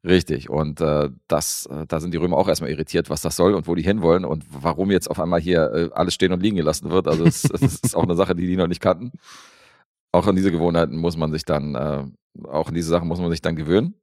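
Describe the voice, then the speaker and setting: Deep-voiced man chatting with fillers. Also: fast talker, no echo, studio quality. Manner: relaxed, rambling with frequent fillers. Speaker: podcast co-host reviewing films. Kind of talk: casual chat.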